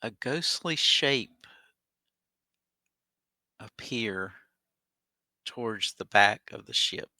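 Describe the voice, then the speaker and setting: A man's voice: fairly low pitch, expressive, very slow, pauses often, pushed and bright, dry recording, clean studio sound. A man narrating a tabletop game as its game master.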